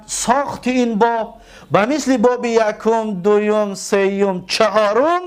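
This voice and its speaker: A religious teacher with a high-pitched, clean voice lectures his class, posing questions and answering them himself. He slowly stretches out example words and repeats them.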